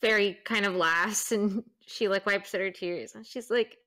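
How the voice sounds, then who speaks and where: A woman playing a tabletop game, describing her character hesitantly, with many pauses and ums. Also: medium pitch, steady tone, sharp tone. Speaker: player. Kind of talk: casual tabletop game play.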